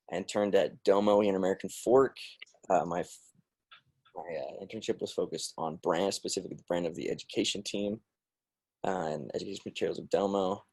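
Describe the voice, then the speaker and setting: A man's voice: deep voice, darkish tone, rough recording. A young man from Utah giving a brief, slightly stumbling introduction on a webinar panel.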